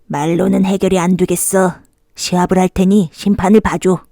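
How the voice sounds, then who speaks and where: A woman's voice: lowish voice, level tone, normal speed, vocal fry, mellow, dry recording, studio quality. Woman as a stubborn squabbling storybook monkey, for toddlers. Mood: insistent, bickering. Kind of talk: children's storybook character voice.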